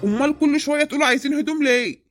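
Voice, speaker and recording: A woman's voice: high voice, racing, soft background music, lightly acted. Woman playing a grumpy Egyptian cartoon dad. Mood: grumbling. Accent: Egyptian Arabic. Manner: grumbling, preachy.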